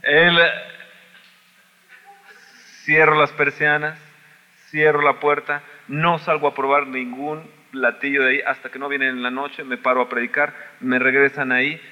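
A man preaching a sermon as pastor, swinging between loud cries and soft asides. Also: medium pitch, level tone, unhurried, in a large hall, highs cut off. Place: church sanctuary.

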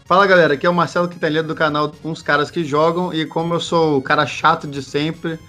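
A man's voice: a little high, flat delivery, quick pace, bright, forceful tone, faint music behind. A man with a Brazilian Portuguese accent co-hosting a casual podcast in an informal, teasing way. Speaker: podcast co-host.

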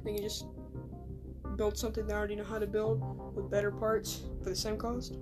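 A woman's voice: mid-range voice, completely flat delivery, a little fast, music in the background. A woman talking casually and self-deprecatingly in a rambling solo podcast, recorded in a small home bathroom. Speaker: podcast host.

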